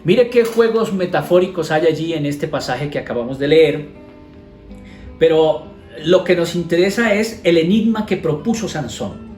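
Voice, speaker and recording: A man's voice: a little high, lively intonation, normal speed. A male pastor with a Colombian Spanish accent reads a Bible passage and then explains it, asking his listeners rhetorical questions. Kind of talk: Bible teaching, reading scripture aloud. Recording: echoey room with soft guitar music behind.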